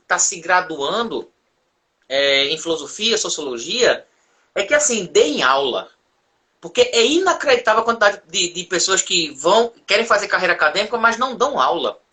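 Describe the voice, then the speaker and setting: A middle-aged man, a history teacher telling stories in a relaxed chat over beer. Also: moderate pace. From Brazil. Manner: relaxed storytelling, lively pitch. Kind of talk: casual conversation over beer.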